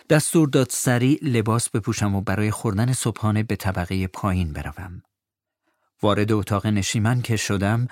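A man narrating a storybook in a calm, measured way. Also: on the low side, dry recording, studio quality. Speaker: audiobook narrator.

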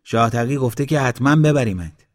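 A man's voice: medium pitch, lively intonation, pitched above the performer's own voice, natural voice. A man voicing a persuasive village messenger. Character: village man sent to fetch a musician. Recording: long hall reverb.

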